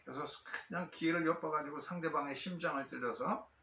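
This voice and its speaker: Pastor preaching with bright, echoey sound. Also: male voice, on the high side, far from the mic, slight background noise. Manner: storytelling with many pauses and fillers. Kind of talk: sermon.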